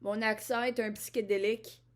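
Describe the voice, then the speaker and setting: A vlogger from Ottawa, Canada talks to the camera at a moderate pace in a fairly high voice with little pitch movement. Her monologue wanders introspectively, and she often repeats herself and starts phrases over.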